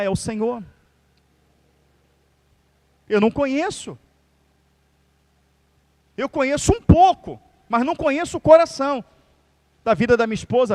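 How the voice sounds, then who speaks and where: High-voiced Brazilian pastor preaching fervently. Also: male voice. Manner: fervent, direct preaching addressed to the congregation. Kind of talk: live church sermon. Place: church service.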